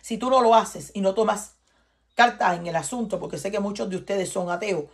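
This tarot reader, a woman from Cuba with a Cuban Spanish accent, has a mid-range, slightly rough voice and talks fairly quickly. Her reading for viewers is forceful and preachy, with frequent repetition.

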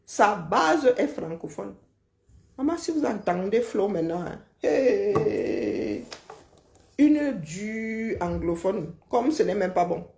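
A woman's voice: medium pitch, very animated, takes it slowly, vocal fry, a little mellow. A woman, ranting casually and mocking someone as she lectures. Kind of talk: casual live rant. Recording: roomy echo.

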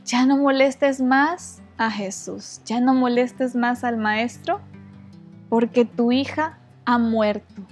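A man's voice: very high-pitched, slow, soft background music. A woman voicing a somber man with bad news. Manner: gentle, somber.

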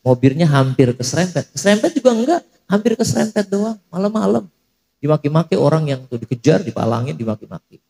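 A man's voice: fairly high pitch, sing-song, quick pace, vocal fry, dark tone. A man giving a humorous mosque sermon, telling jokey stories and chanting prayers. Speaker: preacher. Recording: echoey mosque hall.

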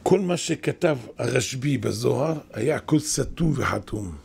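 An older man, a kabbalist rabbi, giving a weekly Torah lesson in an animated, lamenting way, with a gravelly voice. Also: medium pitch, a little hiss or hum. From Israel. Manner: animated, exclaiming and lamenting, storytelling. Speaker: kabbalist rabbi, yeshiva head. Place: yeshiva study hall.

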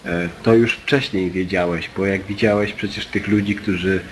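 Man, game master, lowish voice, steady rule explanations, faint noise behind. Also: moderate pace, poor audio. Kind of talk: running a tabletop game.

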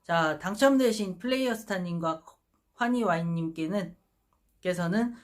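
A woman with a fairly low pitch and moderate pace hosts her own sports prediction channel, announcing a giveaway to viewers in a formal, polite presenter style. Music plays behind her voice.

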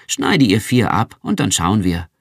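A man reading an audiobook, voicing an excited, eager female android in a high, breathless voice. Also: measured pace, vocal fry, slightly rough, dry recording, clean studio sound, exaggerated voice.

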